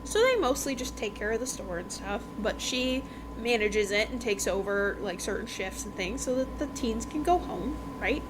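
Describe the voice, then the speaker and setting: A woman hosting a book review podcast tells a novel's story in a relaxed, chatty way, acting out dialogue as she passes through it. Her voice is on the high side with lively intonation and a moderate pace. The recording has clear background noise.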